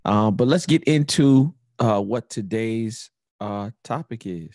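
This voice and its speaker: A man co-hosting a podcast in casual chat, relaxed and slangy, often dropping "you know what I'm saying.". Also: on the low side, takes it slowly, no echo, clean studio sound. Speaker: podcast co-host.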